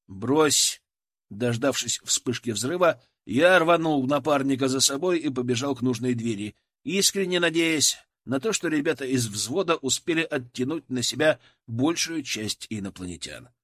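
A man reading an action story aloud in a dramatic, expressive narration. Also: mid-range voice, normal speed, few pauses. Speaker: audiobook narrator. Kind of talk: scripted narration.

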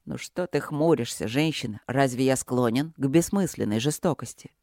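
Deep calm dragon guy, slow and a bit condescending, a narrator doing him. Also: no room sound, studio quality, lightly acted. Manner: unhurried, gently patronizing. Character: calm, serene man, dragon and blade master.

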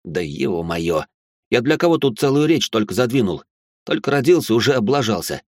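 A man's voice: on the low side, big pitch swings, normal speed, dry recording. A man narrating a first-person audiobook with a sardonic, swearing inner voice.

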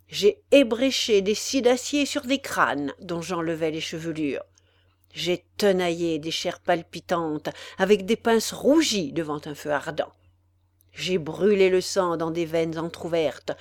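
A woman voicing a cruel, greedy male executioner who haggles over a body, with haughty, loud outbursts. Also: fairly low pitch, no room sound, close to an everyday voice.

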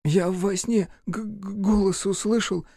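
A man's voice: sits high, steady tone, a little slow, mellow, breathy edge, no echo, clean studio sound, voice pushed up, full character voice. A man voicing a timid, half-frozen little boy who stammers through chattering teeth. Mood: shivering.

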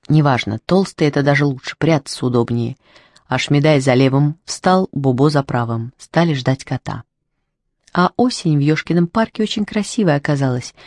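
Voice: mid-range voice, darkish tone, no echo. Dry close-miked storybook narrator. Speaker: audiobook narrator.

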